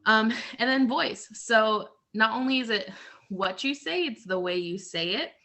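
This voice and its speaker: In an unhurried, fairly high voice with a sharp tone, a woman leads a group lesson on a video call. The teaching is casual, built around everyday examples with frequent "so" and "like."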